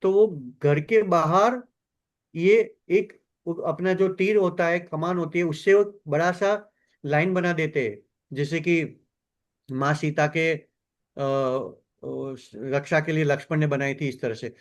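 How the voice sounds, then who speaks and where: A man, a doctor giving a self-help lecture in a lively, animated way, shifting his pitch and pace for emphasis. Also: slow.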